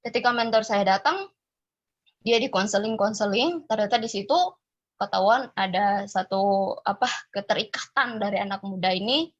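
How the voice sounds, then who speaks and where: A woman's voice: mid-range voice, moderate pace, highs cut off. A young woman from Sumba, Indonesia, calling in to share a personal testimony in a casual storytelling way, with many fillers. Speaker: caller sharing a testimony.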